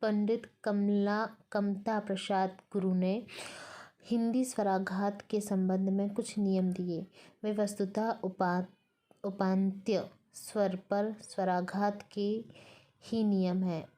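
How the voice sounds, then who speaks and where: A woman lecturer reads a textbook aloud in a slow, deliberate way. Her voice stays level, with little rise or fall, and has a soft, mellow tone. She stops now and then to break words into pieces and explain how they are written. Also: medium pitch, little pitch movement. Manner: slow, careful reading, breaking words apart to explain spelling.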